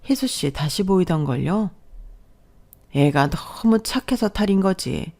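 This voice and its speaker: A woman voicing an older mother-in-law who comforts her daughter-in-law slowly and warmly. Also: on the low side, lively intonation. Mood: comforting.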